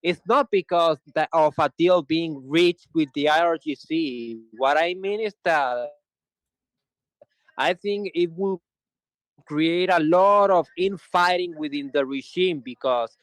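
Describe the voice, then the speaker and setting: A man calling into a live discussion over a remote call whose audio cuts in and out, speaking in halting phrases with false starts. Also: a little high, no room sound, poor audio. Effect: remote call audio cutting in and out. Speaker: call-in participant on a live stream. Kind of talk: casual discussion.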